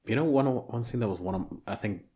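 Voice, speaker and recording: A man's voice: fairly low pitch, fast, warm tone. A man co-hosting a casual podcast chat, laid-back, laughing and swearing easily. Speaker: podcast co-host.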